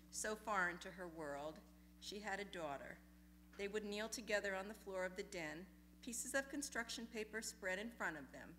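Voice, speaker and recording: A woman with a bright, clear voice reads personal essays aloud in a lecture hall, middle-pitched and unhurried. Her delivery is measured and deliberate, letting each phrase settle before the next. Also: a little hiss or hum. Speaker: essay reader at a memorial reading.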